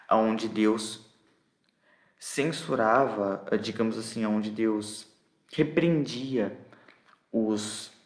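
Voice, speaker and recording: Gravelly Brazilian man preaching a sermon. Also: fairly low pitch, reverberant. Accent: Brazilian Portuguese. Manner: explanatory, asks listeners "entendeu?". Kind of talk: expository sermon.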